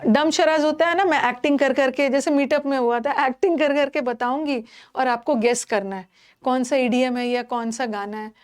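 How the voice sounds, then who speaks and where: A middle-aged woman runs an online English vocabulary class, her voice pitched a little high. She talks in an animated way, mixing Hindi and English and repeating each word so her students catch it. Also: normal speed, clear, resonant tone. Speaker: English teacher.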